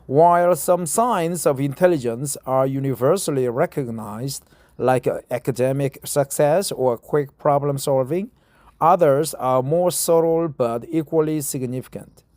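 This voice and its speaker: This is a casual self-recorded reading practice: a middle-aged man from South Korea reads an article in English, with a Korean accent and lots of hesitation, fillers, and self-corrections. His voice is medium in pitch, a little slow, and darkish, with no echo.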